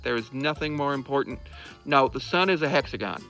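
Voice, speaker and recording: A man's voice: medium pitch, a little fast, pushed and bright, faint music behind. A man delivering an emphatic monologue of absurd claims in an insistent way.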